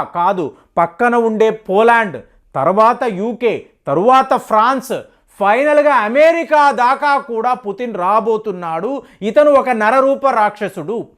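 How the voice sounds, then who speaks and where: A woman giving casual, animated news commentary who acts out what leaders said. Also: fairly high pitch.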